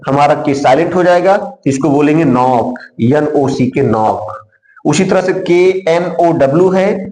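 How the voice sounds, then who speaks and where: A man's voice: fairly high pitch, darkish tone. A man teaching a classroom lesson. He asks questions and then answers them himself. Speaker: English teacher. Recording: echoey room.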